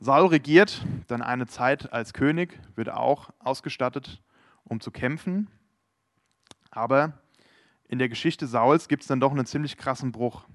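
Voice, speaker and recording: A man's voice: medium pitch, dry recording, clean studio sound. A man preaching a sermon, explaining scripture and earnestly addressing his listeners directly.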